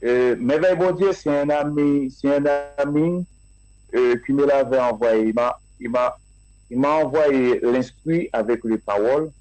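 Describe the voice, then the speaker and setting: A man being interviewed about his music, answering in a halting way with many fillers and restarts. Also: medium pitch, a little mellow, low-quality recording. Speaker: guest musician.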